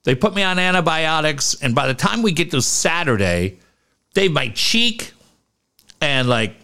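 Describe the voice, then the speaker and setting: Man, packed-nose congested sound, higher-pitched voice, animated intonation, casual slangy sports talk host. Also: a little slow, vocal fry. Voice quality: congested, stuffed-up nose from packing. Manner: casual, rambling, slangy and profane.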